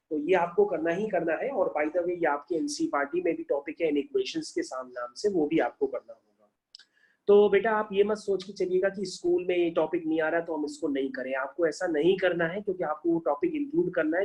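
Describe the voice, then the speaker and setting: A man's voice: sits high, darkish tone, highs cut off. A male math teacher giving an online lesson, coaxing his students, asking questions aloud and answering them, mixing English math terms into his Hindi.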